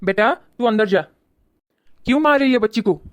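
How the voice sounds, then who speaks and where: एक महिला द्वारा निभाया गया चिढ़ा हुआ भाई, जो सूखी, बिना गूँज वाली रिकॉर्डिंग में सीधे-सपाट डाँटता है।. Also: female voice, fairly high pitch, lively intonation, moderate pace, no echo, natural voice. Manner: blunt, scolding. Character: irritated brother defending his wife. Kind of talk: comedy skit acting.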